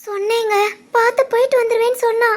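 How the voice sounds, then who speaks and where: A woman voicing a timid young wife in an animated family drama, anxious and pleading. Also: very high-pitched, fast talker.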